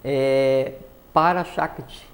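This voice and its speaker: A man's voice: mid-range voice, steady tone, drawn-out words. Rambling man explaining spirituality. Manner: rambling, many fillers and restarts. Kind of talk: casual explanatory talk.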